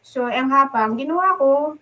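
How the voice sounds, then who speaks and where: Animated middle-aged woman telling nurse stories. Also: high voice, moderate pace, a loud crowd, rough recording. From Philippines. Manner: animated, laughs often, acts out quoted voices. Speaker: interview guest, nurse. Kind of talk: casual storytelling chat.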